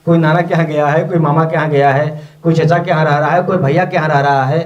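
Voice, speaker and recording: A man's voice: a little high, steady tone, fast talker, lo-fi sound. A man teaching at a coaching institute, urging his students on in a motivational talk and repeating phrases for emphasis. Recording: echoey classroom.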